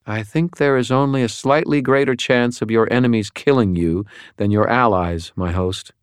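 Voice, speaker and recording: A male narrator voices a stern, ancient female fallen angel in a storybook reading, speaking formal, measured sentences full of disdain. He pitches her clearly higher than a deep male voice, with a cold, deliberate delivery and a natural voice. The sound is close and dry, with no room sound at all.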